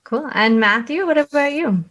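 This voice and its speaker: A woman's voice: high voice, animated, normal speed, fairly bright tone. A woman co-hosting a podcast interview, asking friendly questions with many hesitations. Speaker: podcast co-host.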